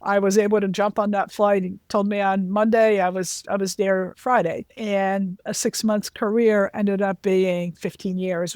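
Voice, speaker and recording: Guesting on an interview, a Lebanese-raised finance executive in her sixties recounts her career frankly through anecdotes, poking fun at herself and often turning aside to the host. Her voice is medium-pitched and darkish in tone, recorded dry with studio quality.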